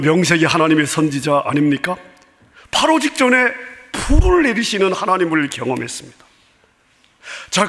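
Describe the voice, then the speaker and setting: A male pastor preaching a Sunday sermon, asking the congregation questions and sometimes dropping to a soft hush. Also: high-pitched. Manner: asks the congregation rhetorical questions and opens phrases with "자"; earnest preaching, drops to a soft hush on key phrases. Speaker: senior pastor. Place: church sanctuary. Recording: long church reverb.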